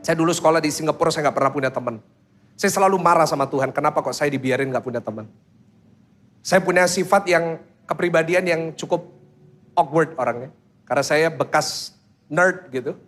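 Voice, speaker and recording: A man preaching a sermon as pastor, telling stories, acting out children's voices, and quizzing the congregation with quick questions. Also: a little high, a bit bright. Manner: storytelling that acts out children's voices.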